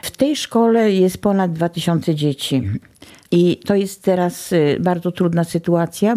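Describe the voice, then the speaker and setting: A middle-aged woman giving a personal account as a teacher, phrasing her thoughts deliberately and reflectively. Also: fairly low pitch, mellow. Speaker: Polish language teacher working in Ukraine.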